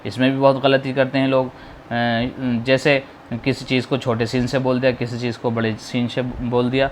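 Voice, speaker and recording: A man gives a spoken lesson on Quran reading, slowly drawing out each letter sound and patiently explaining its pronunciation. His voice is mid-range and level in tone, with a little hiss or hum in the background.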